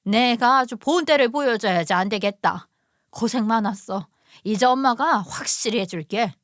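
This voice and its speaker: A woman's voice: a little high, moderate pace, a bit bright, no echo, studio quality, natural voice. A woman voicing a middle-aged mother who fiercely defends her daughter in a dramatized story reading. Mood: indignant. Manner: worried, then indignant on her daughter's behalf.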